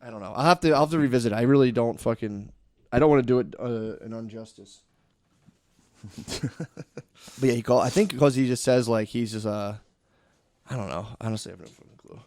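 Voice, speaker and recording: A man hosting a podcast in casual chat, talking in halting, restarting phrases. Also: mid-range voice, darkish tone, dry recording. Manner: rambling, halting, with frequent restarts. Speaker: podcast host.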